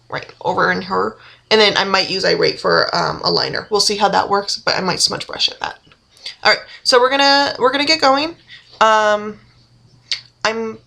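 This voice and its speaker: A woman's voice: mid-range voice, vocal fry, sharp tone. A young woman chatting casually and goofily through a makeup tutorial at home, full of fillers and self-mocking jokes. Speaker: beauty vlogger. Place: home room.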